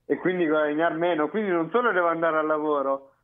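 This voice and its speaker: A man's voice: a little high, quick pace. A man calling in at home, heard on speakerphone over a phone line, chatting in an easygoing, rambling way. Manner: easygoing, rambling, repeats himself. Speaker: caller. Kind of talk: casual chat.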